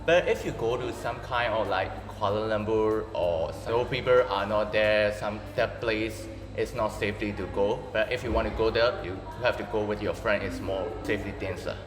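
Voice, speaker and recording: A young man from Myanmar answering interview questions haltingly, searching for his words. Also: on the low side. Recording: echoey hall with music.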